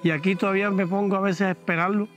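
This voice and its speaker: A grieving older countrywoman, as a man puts her on. She speaks in plain rural words, the voice pitched up high and bright. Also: level tone, fast, soft background music. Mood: mournful. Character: sad, earthy older countrywoman.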